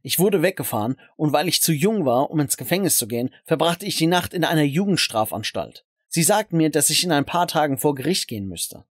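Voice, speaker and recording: A man's voice: on the high side, animated, brisk, few pauses, dry recording, clean studio sound. A man narrating a first-person story in a scripted, dramatic way.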